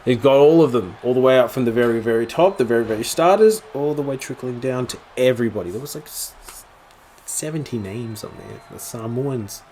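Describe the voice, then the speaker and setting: A young man casually recapping a wrestling event, getting excited and acting out the moments with sudden high outbursts. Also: brisk, slight background noise. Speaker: wrestling commentary YouTuber.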